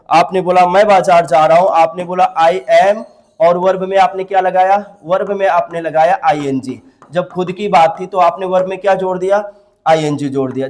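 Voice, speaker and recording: A man with a high voice gives a spoken English lesson as the teacher. He drills each example slowly and repeats it, asking the listener to say it back. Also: darkish tone. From India.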